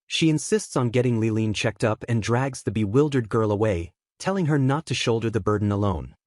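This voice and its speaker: A man giving scripted recap narration in a steady, even storytelling delivery. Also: fairly low pitch, fairly quick, dry recording, clean studio sound.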